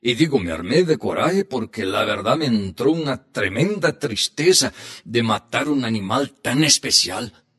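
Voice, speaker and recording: A man voicing a husky old grandfather storyteller. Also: mid-range voice, lively intonation, fairly bright tone. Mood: reminiscing. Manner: slow, heartfelt storytelling. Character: old grandfather telling a hunting tale. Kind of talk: storybook reading.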